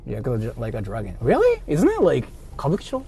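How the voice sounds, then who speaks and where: Driving and chatting on an IRL livestream, this man rambles, says things over again, and curses freely. His mid-range voice swoops wildly in pitch, moving a little fast with vocal fry and a mellow quality, all over the noise of the car interior.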